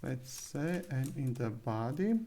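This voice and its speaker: A coding tutor narrates a live coding screencast at a desk microphone, thinking aloud with many fillers and self-corrections. His medium-pitched voice is dark-toned and expressive, and he takes it slowly. There is a little hiss or hum, with keyboard typing and clicks in the background.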